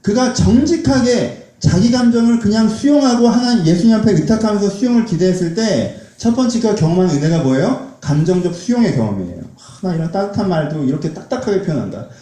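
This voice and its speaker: A man's voice: high-pitched, big pitch swings, fast, hardly any pauses, mellow. A man preaching a sermon as a pastor, speaking conversationally and asking his congregation questions. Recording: echoey church hall.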